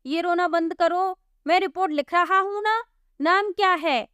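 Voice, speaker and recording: A woman's voice: very high-pitched, measured pace, a bit bright, dry recording, studio quality, pitched above the performer's own voice. A woman voicing a bossy, scolding police constable. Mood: exasperated. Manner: scolding, exasperated. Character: impatient, bossy village police constable, man. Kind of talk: storybook voice acting.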